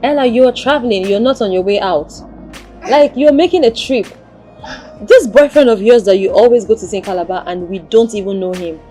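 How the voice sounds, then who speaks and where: Actress doing protective nigerian woman in a movie, medium pitch, asks questions, soft music under it. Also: fairly quick, lightly acted. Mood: concerned. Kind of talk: film drama acting.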